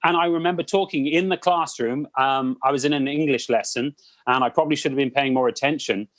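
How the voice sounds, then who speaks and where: A man giving conversational interview answers as a cruise director, telling anecdotes in an animated way and acting out quoted remarks. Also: mid-range voice, a little fast, no room sound.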